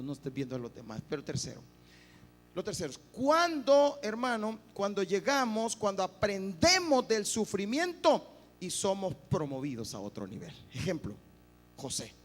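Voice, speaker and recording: Male pastor, high-pitched, animated, echoing church hall. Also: moderate pace. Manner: animated, acts out quoted voices, addresses listeners as "hermano". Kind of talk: sermon. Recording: reverberant church hall, faint music.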